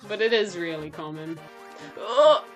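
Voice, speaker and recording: A woman's voice: medium pitch, moderate pace, fairly bright tone, faint music behind, low-quality recording. A woman streaming a game live, reacting aloud to the gameplay, talking to her chat and mocking herself. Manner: self-mocking exclamations.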